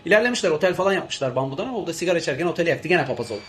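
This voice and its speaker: A fed-up airline captain, played by a man, rattles off his complaints at a quick clip in a fairly high voice. He swings between swearing rants and mock-formal cabin announcements, with a faint rumble underneath. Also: lively intonation, close to an everyday voice. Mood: grumbling. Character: exasperated male airline captain, always flown to Africa. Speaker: comedian doing a character. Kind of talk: comic monologue sketch.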